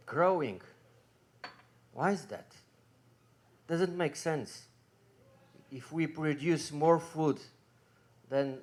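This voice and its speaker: Halting slow-talking moderator, a man. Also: a little high. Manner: halting, many fillers, self-correcting. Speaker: conference moderator. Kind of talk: introducing a speaker.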